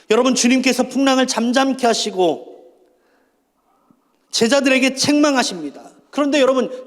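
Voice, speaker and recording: A man preaching a Sunday sermon in a fairly high voice, firing rhetorical questions at the congregation and calling them to repeat after him. His voice rings out with a long church-hall reverb. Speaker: pastor.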